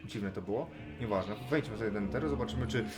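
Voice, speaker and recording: A man commentating his own Minecraft play in casual, chatty talk, chatting to the animals and now and then shouting with excitement. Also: lowish voice, fast, over music. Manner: chatty, talks to animals in game, bursts of excited yelling. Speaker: gaming YouTuber.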